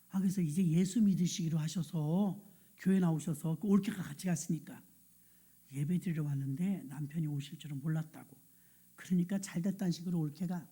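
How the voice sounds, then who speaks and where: A middle-aged woman pastor telling a lively story in a sermon, acting out the people she quotes. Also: medium pitch, husky. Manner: lively anecdotal storytelling, acts out quoted voices.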